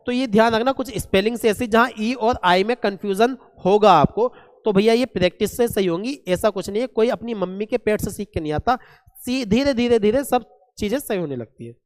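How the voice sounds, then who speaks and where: A man teaching a classroom vocabulary lesson, asking questions and answering them himself, spelling words letter by letter and reading English examples very slowly. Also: sits high, big-room sound. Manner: asks and answers his own questions, calls students "beta".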